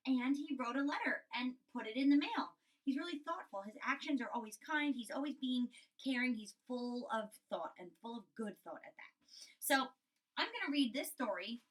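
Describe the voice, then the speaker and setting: An elementary school teacher gives a reading lesson for young children, explaining things and often checking in with a questioning tag. Her voice is high and fairly bright. The mic is distant and the recording rough.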